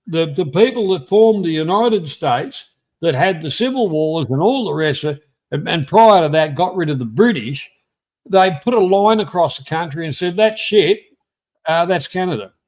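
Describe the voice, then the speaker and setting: A man with a fairly high voice jumps into a relaxed streamed chat with crude, teasing jabs at his mates. His talk is loose and mocking, full of rough humor. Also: normal speed. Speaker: show co-host. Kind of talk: casual chat.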